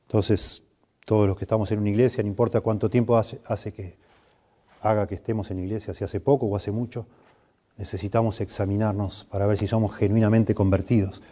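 Low, dark-voiced Rioplatense pastor preaching. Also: male voice, level tone, a little fast. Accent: Rioplatense Spanish. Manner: earnest, grows emphatic on scripture. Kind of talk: sermon. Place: church sanctuary.

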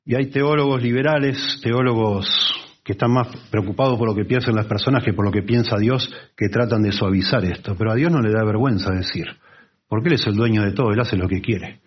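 A man's voice: fairly low pitch, fairly quick, slightly rough. Male preacher, grainy voice, conversational Bible teaching, muffled lo-fi sound. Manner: lively, conversational, with asides and acted-out quotes. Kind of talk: expository Bible sermon.

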